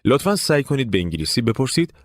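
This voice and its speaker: A man's voice: mid-range voice, very animated, no room sound, studio quality. Man narrating a language lesson. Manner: clear, explaining step by step with spoken prompts to repeat. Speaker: English teacher narrating the course. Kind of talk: scripted instructional narration.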